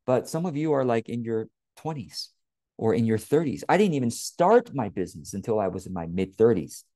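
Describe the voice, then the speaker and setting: A Californian business coach in his late forties gives casual, conversational advice, addressing the listener directly with informal emphasis. His voice is medium-pitched, sing-song, a little fast and dark, recorded at studio quality with no room sound on a wired earphone headset attached to a webcam in a small room at home.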